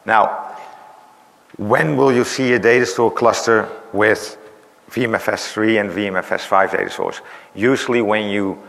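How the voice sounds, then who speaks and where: A man's voice: lowish voice, fairly even intonation, moderate pace, creaky, a bit bright. A man giving a technical conference talk who is losing his voice, explaining with many "uh"s and "right?" tags. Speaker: conference presenter. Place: large conference hall. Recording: reverberant conference hall.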